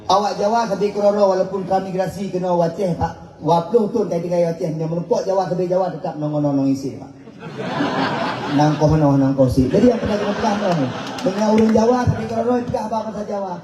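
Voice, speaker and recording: A man's voice: sits high, fast talker, warm tone. A man with an Acehnese accent giving a humorous Islamic sermon, joking and teasing the audience. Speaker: preacher. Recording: echoey, distant mic.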